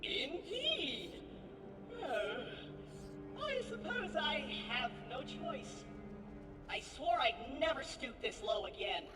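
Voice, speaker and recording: A prim and pompous tea merchant for a video game, fretting in old-fashioned, dramatic phrases. The voice is high and swoops widely. Music plays behind it in a reverberant space. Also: female voice, sing-song, slow, recorded from a distance, heavily acted. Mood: dismayed.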